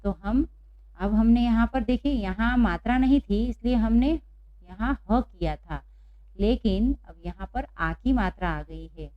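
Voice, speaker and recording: Woman, teacher, patient drilling, repeats answers, muffled lo-fi audio. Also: fairly high pitch. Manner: asks questions and repeats answers slowly. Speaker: Sanskrit teacher. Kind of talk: classroom-style pronunciation lesson.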